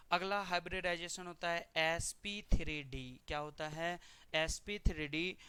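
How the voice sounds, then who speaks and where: A man's voice: fairly high pitch, pushed and bright, clean tone, no echo. A man teaching a chemistry exam-prep lesson, putting questions to his students and answering them himself.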